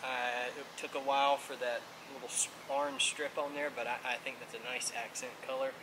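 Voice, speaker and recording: Relaxed man vlogging in a backyard. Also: mid-range voice, a little fast, background noise. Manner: relaxed, chatty with fillers. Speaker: outdoor channel host. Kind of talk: casual how-to vlog. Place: backyard outdoors.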